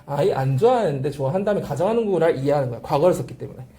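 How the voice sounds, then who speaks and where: Lively, warm-voiced English teacher drilling a class. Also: mid-range voice, rapid-fire. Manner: drills pronunciation, repeating phrases and prompting the class; asks frequent rhetorical check-questions. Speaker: English teacher at a language academy. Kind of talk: classroom grammar lecture.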